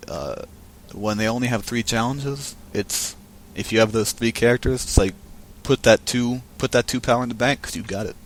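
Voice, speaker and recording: A man's voice: mid-range voice, normal speed, hardly any pauses, a little hiss or hum. A man giving casual, chatty commentary on a card game match, thinking aloud as he goes.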